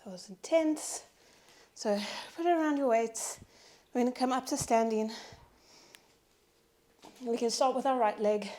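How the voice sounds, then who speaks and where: With a fairly high, mellow voice, a woman speaks a little slowly and pauses often while leading a Pilates strength workout. She is breathless as she gives cues for each move, counts reps and encourages.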